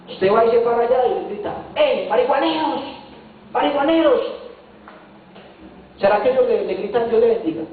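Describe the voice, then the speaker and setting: A man's voice: sits high, a little hiss or hum. A man preaching a sermon as pastor, telling stories, acting out dialogues and asking the congregation rhetorical questions. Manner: acts out dialogues in different voices. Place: church hall. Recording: echoey hall, distant mic, thin phone-like sound.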